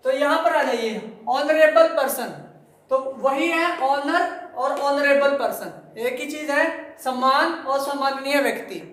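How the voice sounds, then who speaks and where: High-voiced male teacher in an echoey room. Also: fairly bright tone. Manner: repeats words slowly, addresses students directly. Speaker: English grammar teacher. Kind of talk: classroom lesson explaining to students.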